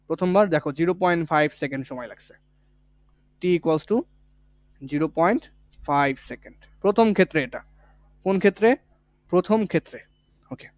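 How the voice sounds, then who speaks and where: Male physics tutor, high-pitched, dry close sound, drills key points by repetition. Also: no echo. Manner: explains step by step, repeating key points; colloquial, with village words. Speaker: physics teacher. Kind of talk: online exam-prep lesson.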